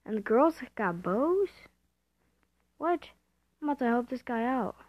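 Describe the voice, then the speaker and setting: A woman giving casual gameplay commentary, excitable and self-mocking, thinking aloud as she plays. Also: fairly high pitch, a little slow, no echo. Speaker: gamer. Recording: dull lo-fi dry home recording.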